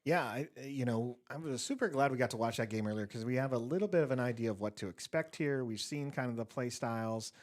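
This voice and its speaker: A man co-commentating a card game tournament, explaining play in a relaxed, upbeat way. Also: medium pitch, quick pace, few pauses. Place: empty gaming room at a cafe.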